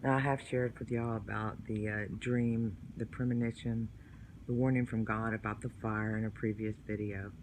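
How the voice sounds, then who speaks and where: A man's voice: on the low side, level tone, normal speed, slight background noise, poor audio. A man telling family stories in a vlog, partly reading from his book, in an earnest and heartfelt way. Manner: earnest, heartfelt, religious storytelling. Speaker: vlogger.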